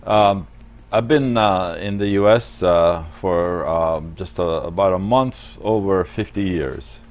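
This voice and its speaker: A man in his sixties from Palestine, a guest in a studio interview, speaking in a measured way with many hesitations on a lapel mic. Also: sits low. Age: 60s.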